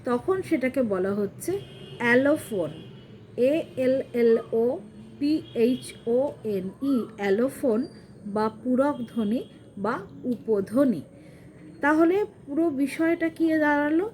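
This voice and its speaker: A woman's voice: high voice, a little mellow, slight background noise. A woman teaching a language lesson, explaining patiently, repeating key terms, spelling them out and speaking straight to the viewer. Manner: addresses the viewer directly.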